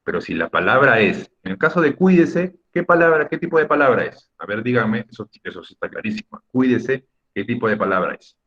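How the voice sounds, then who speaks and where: A man's voice: mid-range voice, lively intonation, fairly quick, hardly any pauses, fairly bright tone, dull audio. A man teaching an online class, explaining patiently, repeating key points and checking in with his students. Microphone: video call.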